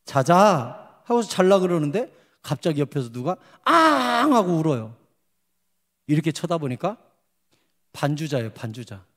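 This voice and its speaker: A man's voice: fairly high pitch, normal speed, pauses often. A man preaching a revival sermon as pastor, telling stories animatedly and acting out the voices of the people in them. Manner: animated, acts out quoted voices. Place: church sanctuary. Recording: long church hall reverb.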